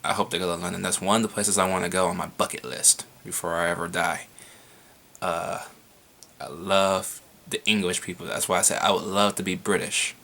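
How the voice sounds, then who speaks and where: A man's voice: low voice, little pitch movement, brisk, pushed and bright. A young man answering viewer questions in a casual vlog, rambling with frequent swearing and laughs.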